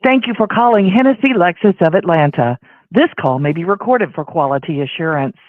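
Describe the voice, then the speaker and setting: A man's voice: sits high, expressive, a little fast. A man speaking a recorded phone menu greeting, heard over the line. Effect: recorded phone message heard over the line. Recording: tinny phone line with noise.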